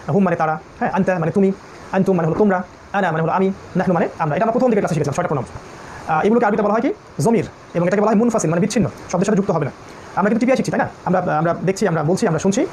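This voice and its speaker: A man teaching a classroom review lesson on Quranic Arabic, drilling word lists in quick repetitive chants. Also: sits high, darkish tone, slight background noise.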